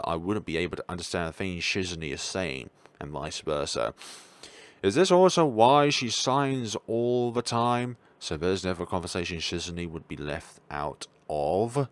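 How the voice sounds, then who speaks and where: A young man plays through a visual novel as a let's player, reading it aloud expressively though he stumbles at times and drops in his own casual remarks. His voice is low and his pace moderate, with no echo.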